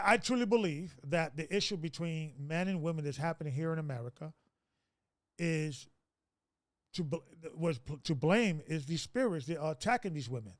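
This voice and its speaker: A man in his fifties with a fairly high-pitched voice hosts a casual group discussion, sounding preachy and rambling and restarting often. The recording is clean studio sound with no echo.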